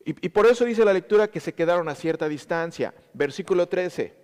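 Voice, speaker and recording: A man's voice: sits high, animated, brisk, a little mellow, clean tone, long reverb tail. A man preaching a sermon to his congregation, teaching with repeated emphasis and speaking to them directly.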